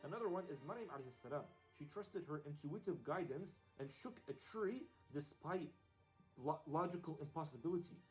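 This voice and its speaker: A man's voice: a little high, lively intonation, fairly quick, poor audio. A young man from Iraq giving an earnest, casual motivational religious talk, repeating phrases for emphasis. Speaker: Islamic speaker. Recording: faint music behind.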